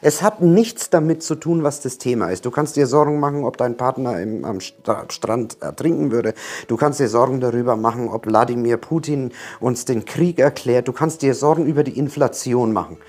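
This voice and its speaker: Husky-voiced man coaching the viewer. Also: medium pitch, moderate pace, darkish tone. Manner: earnest, repetitive, speaks straight to the viewer. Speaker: self-help coach. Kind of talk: motivational self-help monologue.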